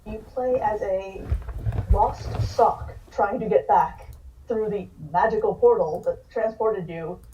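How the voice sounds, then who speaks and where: A woman from California, a game designer, introducing herself hesitantly with many pauses. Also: mid-range voice, mellow. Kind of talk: casual panel self-introduction. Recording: distant, dull lo-fi call audio.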